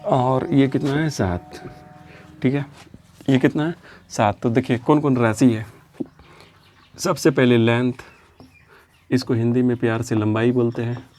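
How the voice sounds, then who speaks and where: A man's voice: mid-range voice, measured pace, pauses often. Man teaching, repeating key terms. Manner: repeats key terms, asks questions and answers them himself; steady, explanatory, drills terms. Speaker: physics teacher. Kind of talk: classroom-style lecture.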